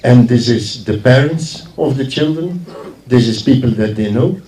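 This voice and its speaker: Heard from a distance in an echoey space, a guest speaker representing a forestry organisation addresses a ceremony. He talks informally and with emphasis, repeating phrases to drive his points home. His voice is medium-pitched and dark-toned, at a moderate pace.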